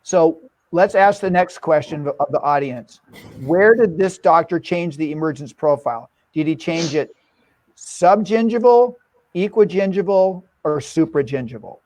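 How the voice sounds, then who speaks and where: Energetic man lecturing, dry close sound. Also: on the high side, dry recording. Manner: enthusiastic, quizzes the audience with repeated questions. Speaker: dental lecturer. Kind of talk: online lecture.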